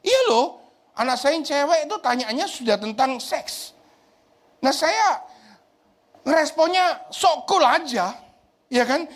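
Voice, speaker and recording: A middle-aged man preaching as pastor in a chatty, joking sermon. He keeps asking the congregation "right?" and drops English phrases into his talk. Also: very high voice.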